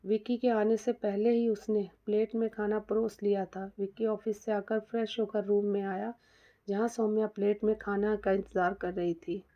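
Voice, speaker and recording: A woman narrating a scripted story in a steady, plain manner, in a dull lo-fi recording. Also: medium pitch, moderate pace.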